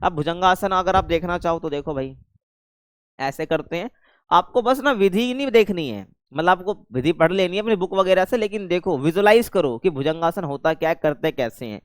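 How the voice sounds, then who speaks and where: Male teacher, somewhat high, clear voice; casual, keeps asking questions. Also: expressive, moderate pace, no echo. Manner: chatty, keeps checking understanding, calls students 'bhai'. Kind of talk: casual classroom explanation.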